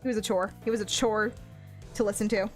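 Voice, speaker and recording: A woman's voice: mid-range voice, fairly even intonation, a little fast. A woman chatting casually with viewers on a game livestream in a cute, bubbly anime-streamer manner. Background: video game music.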